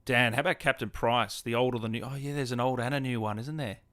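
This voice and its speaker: On a gaming livestream, an Australian man chats casually with viewers as if they were his mates. His voice sits at a medium pitch with fairly even intonation, and he talks quickly in a sharp tone with no echo. He's the streamer and host, answering comments from his audience.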